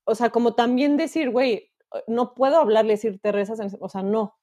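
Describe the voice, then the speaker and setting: A woman's voice: fairly high pitch, moderate pace, dark tone. A Mexican woman in her thirties, co-hosting a podcast in candid, emotional casual chat, swearing freely. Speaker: podcast co-host.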